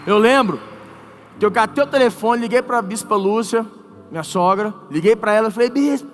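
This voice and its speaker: A man's voice: high voice, normal speed, in a large hall. A man pastor preaching a sermon, telling a story with jokes and questions to the congregation. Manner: lively, joking, talks to the congregation. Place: church.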